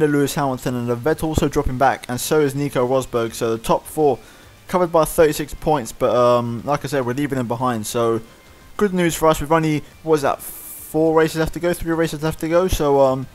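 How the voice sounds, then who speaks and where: Fast-talking man calling a racing game. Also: medium pitch. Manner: fast excited play-by-play, winding down later. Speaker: gaming YouTuber. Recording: loud racing game engine noise behind.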